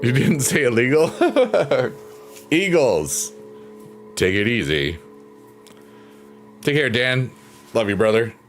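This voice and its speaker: Deep-voiced and in his fifties, this livestream host takes his time chatting with his audience and reading out their comments. The mood is relaxed and warm, backed by clearly audible chill piano.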